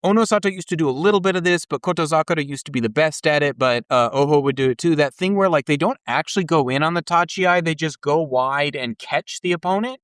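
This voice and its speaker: A man hosting a casual chat, eager and animated, quick to agree and jump in. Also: a little high, smooth, dry recording, studio quality. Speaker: podcast host.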